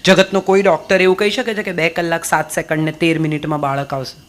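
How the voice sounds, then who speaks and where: A woman's voice: low-pitched, fast talker. A middle-aged woman with a Gujarati accent giving a motivational speech to a live audience, telling stories and firing rhetorical questions. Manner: rhetorical questions, storytelling, lively. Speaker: motivational speaker.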